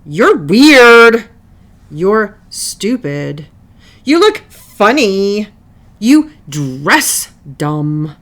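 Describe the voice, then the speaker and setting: A woman voicing petty, rude schoolchildren in a picture-book reading, with loud, stretched-out jeering. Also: medium pitch, big pitch swings, very slow, exaggerated voice. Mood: insulting. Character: taunting schoolchildren, petty, rude, name-calling.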